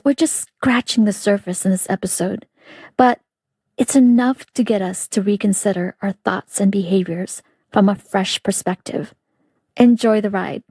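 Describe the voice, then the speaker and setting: A woman's voice: medium pitch, mellow, dry recording. A woman announcing a podcast episode, giving a polished scripted introduction of the guest. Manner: polished read, presenting. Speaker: show announcer.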